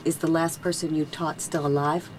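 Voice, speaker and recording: A woman's voice: sits low, little pitch movement, normal speed, background noise, lightly acted. A woman playing a wry, nervous passenger. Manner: wry, guarded. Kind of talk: daytime soap acting.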